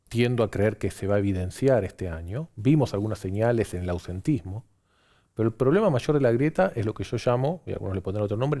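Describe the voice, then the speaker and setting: Guest analyst, male, Argentine, lowish mellow voice, fluent and listing points. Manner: fluent, lists points one after another. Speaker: pollster guest. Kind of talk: political analysis on TV.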